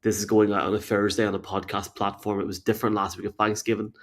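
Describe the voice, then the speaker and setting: An Irish man hosts a live sports podcast. His voice sits a little on the low side. He talks casually and conversationally. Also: level tone, quick pace. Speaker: podcast host.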